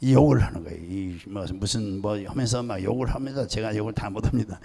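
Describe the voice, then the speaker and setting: An older man, a pastor emeritus, tells stories while preaching in a church sanctuary, voicing their characters as they plead and shout. The sound is big-room, and his low-ish voice comes across fast, gravelly, and a bit rough.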